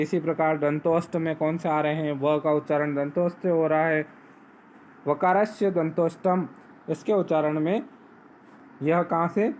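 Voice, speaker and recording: Man, grammar lesson, recites rules slowly, faint background noise. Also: fairly high pitch, darkish tone. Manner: explains step by step, asks and answers own questions; recites Sanskrit sutras slowly. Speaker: teacher. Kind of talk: Hindi grammar lesson on phonetics.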